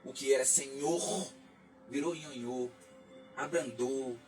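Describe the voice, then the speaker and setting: Recorded on a distant mic in a radio studio with faint music beneath, a forties-aged male guest talks politics. He speaks slowly at a medium pitch, reflective and lecturing, frequently starting his sentences over.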